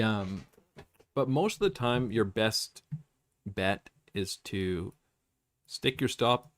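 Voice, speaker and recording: A man with a low, gravelly voice hosts a trading livestream, thinking aloud over his charts. He rambles, circles back and fills pauses with ums. The sound is close and dry, with no room around it. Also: fairly bright tone, dry recording. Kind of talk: casual livestream chart commentary.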